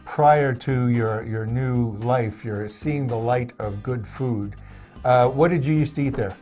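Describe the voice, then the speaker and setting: A man's voice: medium pitch, a little slow, a little mellow, faint music behind. A man co-hosting a talk show in casual chat, teasing his partner with playful banter. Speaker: co-host.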